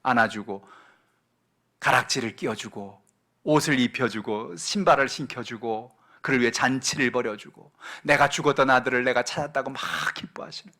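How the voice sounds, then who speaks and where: A male pastor delivering a sermon in a bright, forceful voice. He swings from loud calls down to near whispers and questions the congregation directly. He also acts out the characters in a parable. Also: mid-range voice, normal speed. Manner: acts out voices in a Bible story.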